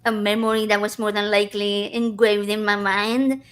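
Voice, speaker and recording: A woman's voice: medium pitch, flat delivery, moderate pace, clear, resonant tone, poor audio. A woman in casual conversation, chatty, talking in loose sentences full of "like" and restarts. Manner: chatty, many likes and restarts.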